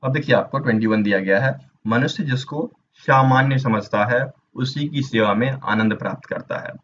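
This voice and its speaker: A man's voice: mid-range voice, moderate pace, a bit bright. Male Hindi teacher spelling out words. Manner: spells words out letter by letter, asks the viewer questions. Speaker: Hindi teacher for exam prep. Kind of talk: exam-prep lesson. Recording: slightly dull lo-fi recording with faint ambient noise.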